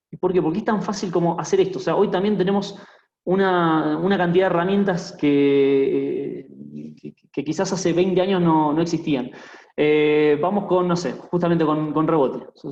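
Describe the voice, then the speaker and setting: A man runs an online basketball coaching clinic with screen sharing, lecturing hesitantly with lots of fillers and restarts and frequently checking in with "¿no?". His voice is on the high side and a little mellow, recorded muffled in an echoey room.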